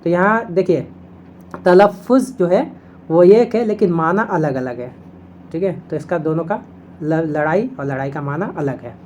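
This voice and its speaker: Steady lower-voiced woman teaching. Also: a little slow, a little hiss or hum. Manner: explains step by step, often checking in with "theek hai". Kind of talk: exam-prep video lesson.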